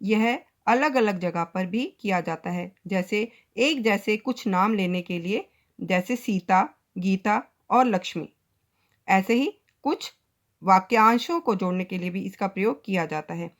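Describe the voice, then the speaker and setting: A woman's voice: medium pitch, measured pace. Woman teacher explaining a lesson. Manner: patient, explanatory, addresses pupils directly. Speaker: school teacher. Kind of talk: online class lesson. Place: recorded for a virtual classroom.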